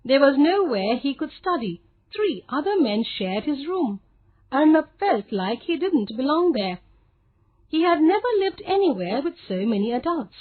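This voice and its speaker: Lively high-voiced woman reading a storybook. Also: narrow, tinny audio. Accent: Indian English. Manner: clear, expressive, measured reading. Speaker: textbook audio narrator. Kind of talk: reading a textbook story aloud.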